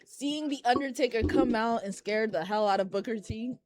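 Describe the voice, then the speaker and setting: Speaking a little high at a normal speed, with a darkish tone, this young pro wrestler from Haiti is a guest in a casual interview. She's candid and chatty and laughs easily, talking inside a collectibles shop.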